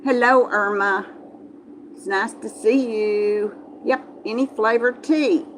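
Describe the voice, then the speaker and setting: Taking it slowly with a fairly high, fairly even voice, a Texan woman from the southern United States rambles folksily to her livestream viewers, frequently saying things twice. Her accent is Texas Southern American. A little hiss or hum runs through the rough recording.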